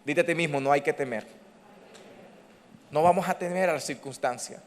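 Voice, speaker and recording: A man's voice: fairly high pitch, moderate pace. A man preaching a sermon as pastor, calling out emphatically to his congregation. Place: church hall. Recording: church hall reverb.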